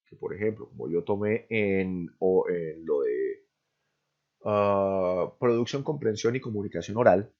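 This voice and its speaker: Male professor, lecture voice, somewhat low, muffled lo-fi recording, keeps asking if it's clear. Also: a little mellow. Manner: explains step by step, often checking "¿listo?", "¿sí?". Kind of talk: online class lecture.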